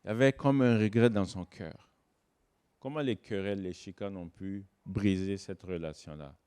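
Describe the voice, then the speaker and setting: Male guest preacher, dynamic sermon delivery that drops to near-whispers and climbs to stressed, drawn-out points. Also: clean tone. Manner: dynamic preaching, swings from loud emphasis to soft low asides. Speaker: guest pastor. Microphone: online church service recording.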